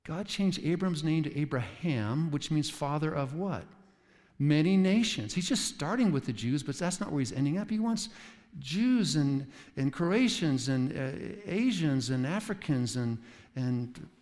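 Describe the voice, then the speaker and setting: Animated male preacher in a reverberant hall. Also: unhurried. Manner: animated, acts out quoted voices with big pitch jumps. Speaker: pastor. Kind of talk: sermon. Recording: long reverb of a large hall.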